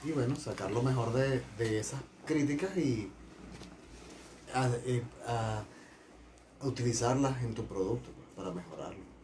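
A man giving his opinions conversationally as a guest, haltingly, repeating words as he reasons. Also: mid-range voice, noisy background. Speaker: family guest.

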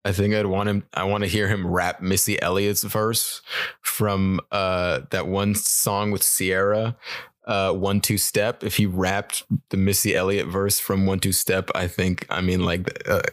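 A man's voice: deep voice, little pitch movement, unhurried, no echo, clean studio sound. A man on a podcast chatting casually, rambling a little and laughing easily. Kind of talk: casual chat.

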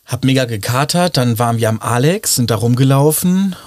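A chatty male podcast co-host from western Germany with a mid-pitched voice. He talks casually, laughs often and stumbles through restarts. The sound is close and dry. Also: lively intonation, fairly quick, dry recording. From North Rhine-Westphalia, Germany. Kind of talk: casual chat.

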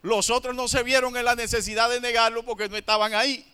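A man preaching a sermon. His voice is high, bright and very clear. He slows down to stress points and answers his own questions. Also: level tone.

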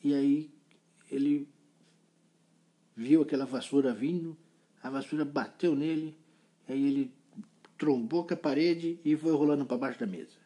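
Man spinning a kids' story, playful, husky and warm. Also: on the high side, measured pace, long pauses. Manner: playful, animated storytelling with sound effects. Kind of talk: improvised children's story.

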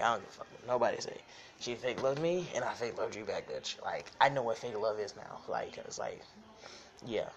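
A man's voice: on the low side, vocal fry, a little hiss or hum. A young man hosting a podcast, telling candid, profane stories and laughing often. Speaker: podcast host. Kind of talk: casual storytelling monologue.

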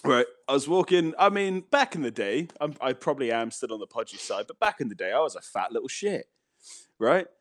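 A young British man spinning a story on a casual podcast. His pitch swings up and down a lot, he laughs often and swears freely, and the sound is close and dry. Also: lively intonation, a little fast, no room sound. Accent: British English. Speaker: podcast co-host.

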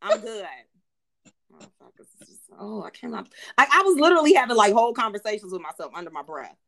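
A woman with a higher voice that swings widely, chatting casually as a co-host. She is animated and laughs often. She breaks into little acted-out voices as she tells stories. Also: quick pace, vocal fry. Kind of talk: casual chat.

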